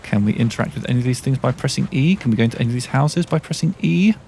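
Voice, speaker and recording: A man's voice: mid-range voice, lively intonation, very fast, gravelly, a little mellow, a little hiss or hum. A man casually commentating a game as he plays, chatting and reading all the on-screen lines aloud himself. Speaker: gameplay commentator. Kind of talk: casual let's-play commentary.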